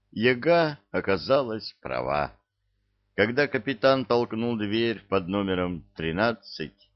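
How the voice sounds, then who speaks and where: A man narrating an audiobook with expressive, playful storytelling. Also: low voice. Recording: slightly dull lo-fi recording.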